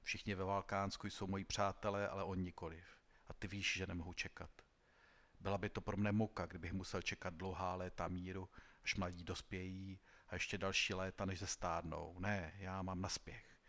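A man voicing an ancient, grim male spirit of death who hungers for young lives, speaking low and quiet. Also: level tone. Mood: brooding.

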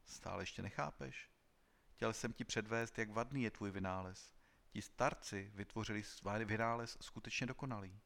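A man voicing an aged mechanical man, a great engineer who speaks calmly and with fatherly sorrow, in a dramatized audiobook reading. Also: lowish voice, vocal fry. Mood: sorrowful. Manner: calm, fatherly, heavy-hearted.

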